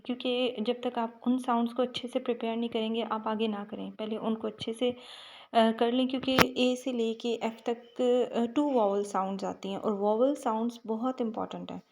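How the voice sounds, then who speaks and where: A woman's voice: fairly high pitch, darkish tone. A young woman teaching phonics, patiently sounding out letters and words one at a time. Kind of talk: slow teaching lecture.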